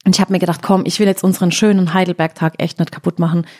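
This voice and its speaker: Woman telling a story in lively detail. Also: lowish voice, rapid-fire. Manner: tells the story vividly, quoting her own words. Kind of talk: casual storytelling chat.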